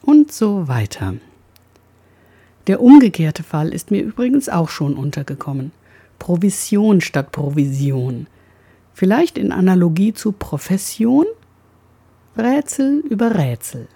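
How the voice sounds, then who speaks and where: Woman, husky voice, lively rising and falling pitch, teaching pronunciation, sounds out examples. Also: measured pace. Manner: precise, demonstrates sounds aloud. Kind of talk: explanatory talk on pronunciation.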